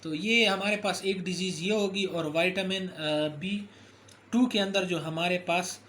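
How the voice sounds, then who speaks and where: A man's voice: sits high, unhurried, a bit bright, slight background noise. A man giving a recorded medical lecture, explaining step by step with frequent fillers and self-corrections.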